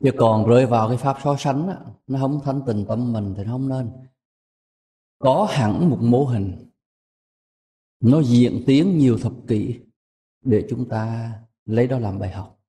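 A man giving a measured, emphatic dharma talk to a monastic assembly, rising high to stress his points. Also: mellow, long reverb tail. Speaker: Buddhist monk teacher.

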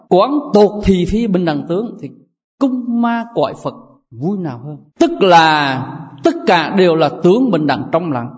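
A man, a Buddhist monk giving a lively, emphatic dharma talk. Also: a little high. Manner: lively, emphatic, playful storytelling. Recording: dull reverberant hall recording.

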